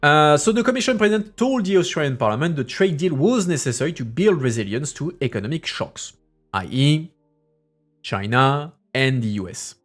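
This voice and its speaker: A man's voice: a little high, expressive, normal speed, soft background music. A man streaming a casual review of news, reading articles aloud and then breaking into loose, sarcastic asides while he thinks aloud. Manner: hesitant, many fillers and restarts while thinking aloud.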